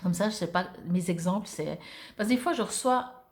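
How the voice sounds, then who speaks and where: A woman with a fairly low, fairly quick voice gives viewers an informal spiritual reading with oracle cards. She talks conversationally and hesitantly, searching for words, and French is her first language.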